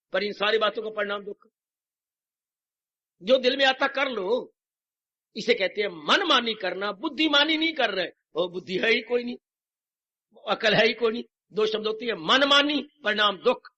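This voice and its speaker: A man's voice: sits high, sharp tone. A man, a swami, giving a devotional sermon with emphatic rhetorical questions and English phrases mixed in, on an old lo-fi tape recording. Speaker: swami preacher. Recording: dull lo-fi 1990s tape recording.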